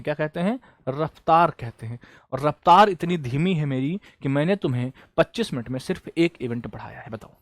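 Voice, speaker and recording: A man's voice: fairly high pitch, no room sound. Man teaching a drilling quiz class. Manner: repetitive question-and-answer drilling, addresses students as bhaiya and beta. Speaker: exam coaching teacher. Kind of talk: online current affairs class.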